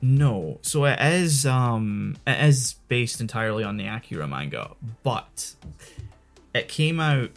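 A man's voice: medium pitch, sing-song, a little slow, creaky, soft background music. A man with a Scottish accent co-hosting a podcast, explaining in a rambling, self-correcting casual chat. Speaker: podcast co-host.

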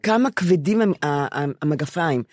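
Halting woman in her seventies, dry close sound. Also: low-pitched, expressive, darkish tone, no room sound. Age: 70s. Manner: halting, many restarts and repeated words. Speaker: podcast co-host. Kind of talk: candid conversation.

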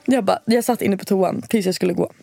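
A woman with a creaky, medium-pitched voice co-hosts a podcast, recorded with no room sound. In a casual chat she tells stories as an animated storyteller, acting out what people said.

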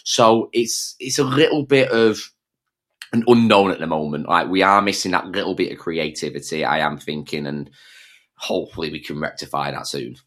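Deep-voiced blunt football fan. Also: male voice, normal speed, a bit bright. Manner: blunt, swears, laughs easily. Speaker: podcast co-host, season-ticket fan. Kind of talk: casual football chat.

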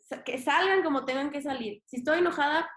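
A young woman with a Mexican accent, her voice high and a bit bright, speaks fairly quickly as a podcast guest. In this casual interview she sounds emphatic, using slang and now and then a swear word. There's a roomy echo.

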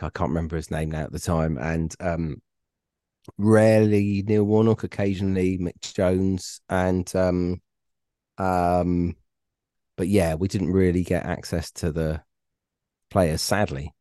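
A middle-aged man being interviewed, telling stories in a relaxed, hesitant way with frequent ums and restarts. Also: low voice, slow pace, no room sound, studio quality. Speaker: podcast guest, former radio reporter. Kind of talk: casual interview chat.

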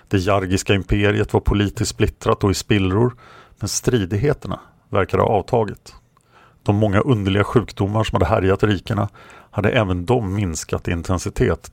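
Deep, gravelly male storyteller. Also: no echo. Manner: steady, measured storytelling. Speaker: narrator. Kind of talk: reading a fantasy story aloud.

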